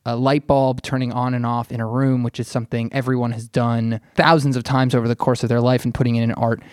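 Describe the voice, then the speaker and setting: Studio quality, clean and free of room sound, the recording captures a podcast panelist and arts writer with a mid-range, darkish voice that barely shifts in pitch. He explains as he thinks in a casual discussion, halting, self-correcting and hedging often with "kind of."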